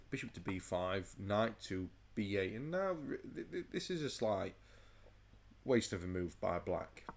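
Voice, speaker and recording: Low, gravelly man walking through a chess game. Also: lively intonation, slow pace. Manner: rambling, stammers and restarts often. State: overheated and sweating. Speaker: chess channel host. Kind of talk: casual chess game commentary.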